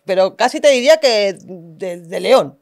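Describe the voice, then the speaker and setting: A woman hosting a podcast interview, talking in a hesitant, searching way with many fillers, rising in pitch when she gets animated. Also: measured pace. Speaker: podcast host.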